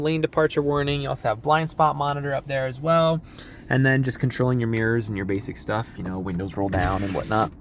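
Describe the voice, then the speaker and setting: A young man casually walking through a vehicle at a car dealership, with an easygoing manner, frequent laughs and quick asides. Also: mid-range voice, vocal fry, a little hiss or hum.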